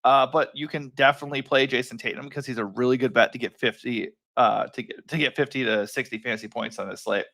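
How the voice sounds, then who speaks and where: A man with a worn, rough voice hosting a casual solo breakdown of fantasy sports picks, relaxed and rambling, correcting himself with lots of ums. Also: mid-range voice, fast talker, hardly any pauses. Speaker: fantasy sports analyst host.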